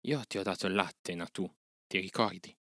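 A gentle village mother, soft and pleading, as a male narrator puts her on, with a low bright voice and tender anxious delivery in a storybook reading. Her words come timid but loving. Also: normal speed, no echo, clean studio sound.

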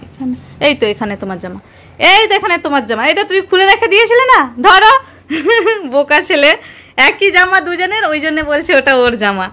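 A woman's voice: sits high, big pitch swings, quick pace, pushed and bright, low-quality recording. A young woman filming her children, playfully teasing them and narrating to viewers. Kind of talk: casual family vlog narration.

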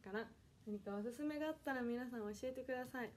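A woman in her early twenties from Kanagawa chats on a home livestream in a high, mellow voice. She is polite and reads viewer comments aloud, apologizing often. Faint noise sits under her voice. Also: fast talker. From Kanagawa, Japan. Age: 20s. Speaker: idol audition livestreamer. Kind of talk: casual solo livestream chat.

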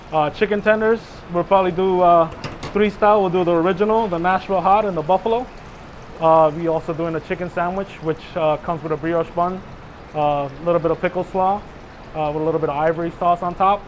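A man's voice: sits high, dull audio, a little hiss or hum. A man in his thirties, a chef, talking easily in a restaurant kitchen with many fillers. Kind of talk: casual kitchen talk.

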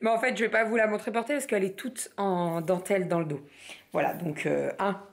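A young woman vlogging to her followers in a relaxed, chatty way, pausing often with fillers as she talks. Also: medium pitch, creaky. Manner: chatty, full of hesitations and fillers. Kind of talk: casual chat to camera.

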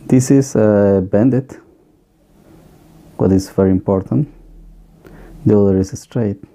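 A gravelly man with a dark, lowish voice hosts a casual hands-on tour of workshop gear in an indoor electronics room. Fillers and restarts break up his plain, halting advice.

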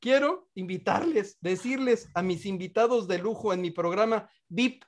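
A man's voice: high voice, normal speed. A man with a Mexican Spanish accent, hosting a comic game-show style program with theatrical, joking patter. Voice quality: playful and theatrical, with joking asides. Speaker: show host.

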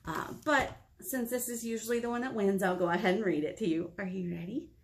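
Leading storytime for young kids in a small indoor meeting room, a thirty-something American woman reads aloud and chats with them, encouraging and expressive. Her mid-range voice runs a little fast.

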